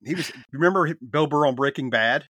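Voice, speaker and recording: A man's voice: a little high, brisk, fairly bright tone, no echo, studio quality. A man co-hosting a podcast in casual chat, telling stories in a chatty way. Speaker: podcast co-host.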